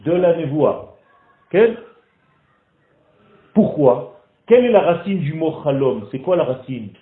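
Animated male teacher, slightly high voice, quizzing his class; echoey room, tinny lo-fi sound. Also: slow. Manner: animated, asks the group questions, teasing. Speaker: Torah teacher. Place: classroom in Israel.

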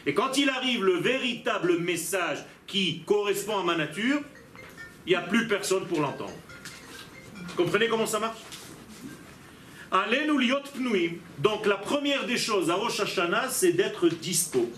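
A man's voice: sits high, expressive, a little slow, fairly bright tone, a little hiss or hum. A man teaching a religious lesson as a rabbi, emphatic and posing rhetorical questions to his listeners. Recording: echoey room.

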